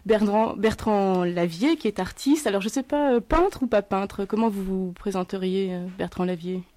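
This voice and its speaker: A woman hosting a radio panel discussion, introducing guests one by one in a measured way. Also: mid-range voice, dark tone. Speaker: radio host.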